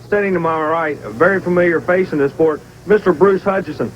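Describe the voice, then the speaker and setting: A man reporting and commentating at a tractor pull, energetic, folksy and enthusiastic. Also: on the high side, brisk, lo-fi sound. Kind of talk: energetic sports commentary and interviewing.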